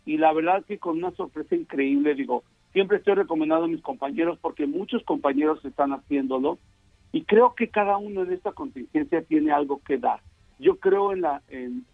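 Comedian guy, high lively voice, gravelly, sounds like over the phone. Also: dry recording. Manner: animated storyteller, voices many characters. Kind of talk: telling jokes on a call. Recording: tinny phone line.

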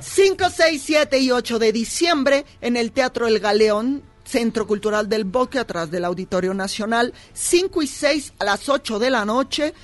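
A man with a strikingly high voice, talking in a playful, campy way as a guest in a radio studio. He promotes his cabaret show in a put-on foreign accent and keeps dropping "papi" into his lines. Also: a little slow, few pauses, soft background music. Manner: flamboyant, calls everyone "papi", puts on a foreign accent. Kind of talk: playful comedic promo chat.

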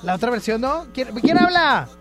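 A man's voice: very high-pitched, very animated, normal speed, music in the background. A man hosting a casual radio call-in show, playful and joking with callers. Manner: playful, joking, laughs often. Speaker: radio host taking call-ins.

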